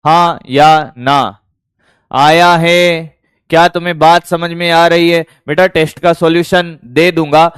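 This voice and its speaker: High-voiced man teaching a class. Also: level tone, measured pace, a bit bright, smooth, no echo. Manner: addresses students as beta, asks repeated questions. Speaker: physics teacher. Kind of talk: classroom lecture.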